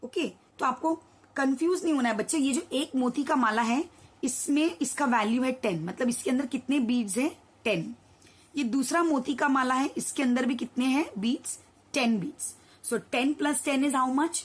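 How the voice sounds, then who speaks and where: A young woman with a high but hoarse voice, worn out from shouting at school, leads a children's maths lesson. She counts aloud slowly and puts questions to the children.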